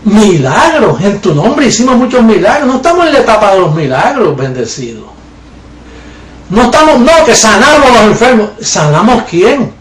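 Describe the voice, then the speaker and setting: A man's voice: high-pitched, very animated, normal speed, fairly bright tone, roomy sound, distant mic. A man preaching a sermon in an emphatic, mocking way, often calling his listeners "blessed". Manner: mocking, emphatic, repeatedly addresses listeners as "bendecido".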